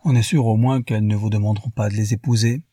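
A silly young English aristocrat, simpering and bluntly foolish, as a male reader plays him. The voice is low and a little husky. It is read close to the mic in a dry space. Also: steady tone, quick pace, dark tone, no room sound.

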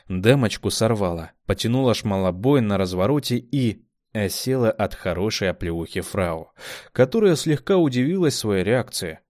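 A man's voice: lowish voice, darkish tone, no echo, clean studio sound. A man narrating first-person fiction, with a cold, commanding tone in his own lines. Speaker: audiobook narrator.

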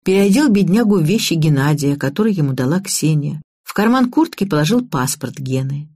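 A grave middle-aged husband, read by a woman narrator in an audiobook, speaking slowly and gloomily. The voice is low, husky and dark. The recording is dry and close. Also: expressive, no echo. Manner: gloomy, slow and deliberate.

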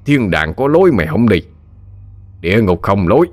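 A man's voice: fairly low pitch, very animated, normal speed, a little mellow, no echo, soft background music. A man playing a boastful, hot-tempered older exorcist who swaggers and scolds.

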